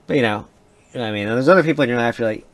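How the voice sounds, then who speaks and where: A man's voice: medium pitch, rapid-fire, fairly bright tone. A young man co-hosting a let's-play, chatting casually and rambling with fillers and laughs. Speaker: gaming co-host.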